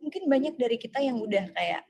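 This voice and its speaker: A young woman preaches over a video call, her voice set fairly high. She fires off one earnest rhetorical question after another, then drops into loose, slangy chat. Soft music plays faintly behind her. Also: animated, quick pace, slightly rough. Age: young adult. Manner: fervent rhetorical questions mixed with slangy casual asides. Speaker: speaker giving a testimony and exhortation. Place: online prayer meeting on a video call.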